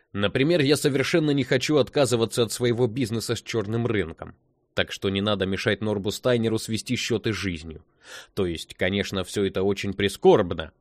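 A man's voice: lowish voice, no echo, clean studio sound, close to an everyday voice. A man reading an audiobook, voicing a smug, scheming male boss who mutters plans to himself. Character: scheming self-satisfied male city boss.

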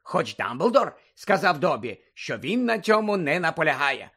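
A man's voice: fairly high pitch, sing-song, normal speed, a bit bright, husky, heavily acted. A man voicing an eager, servile male house-elf who talks about himself in the third person and keeps addressing his listener as "sir", in an audiobook reading. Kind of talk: audiobook character voice.

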